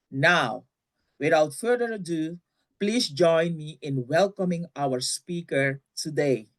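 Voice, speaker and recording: A man moderating a conference, reading a formal scripted introduction of the guest speaker. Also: on the high side.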